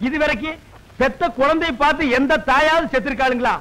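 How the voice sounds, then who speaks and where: An actor playing a middle-aged village barber uncle in a film, ranting and mocking loudly. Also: male voice, very high-pitched, poor audio. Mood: scolding. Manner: loud, fast, mocking comic rants. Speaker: comic uncle.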